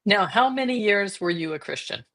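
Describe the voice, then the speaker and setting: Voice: mid-range voice, lively intonation, normal speed, vocal fry, a bit bright. The host of a live video-call interview, asking short questions and giving brief encouraging replies. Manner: short prompts and encouraging backchannels.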